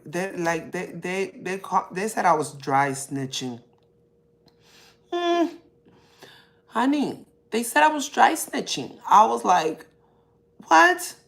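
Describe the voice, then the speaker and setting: A woman hosting a podcast, telling a personal story in a chatty, animated way and acting out the voices of the people she quotes. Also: medium pitch. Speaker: podcast host. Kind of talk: casual storytelling.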